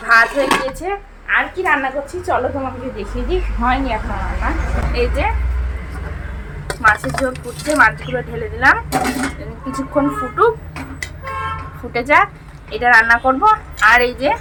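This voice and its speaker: A woman's voice: sits high, bright, forceful tone, slight background noise, rough recording. A young woman with a West Bengal Bengali accent chatting casually to viewers while she cooks and feeds her daughter at home. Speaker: vlogger and mother. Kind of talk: casual home cooking vlog. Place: home kitchen.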